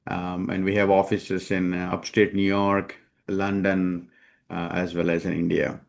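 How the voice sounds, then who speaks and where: A man being interviewed as a company founder, speaking in a measured way with many hesitations. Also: deep voice, monotone, gravelly. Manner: measured, many ums and uhs. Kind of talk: conversational interview.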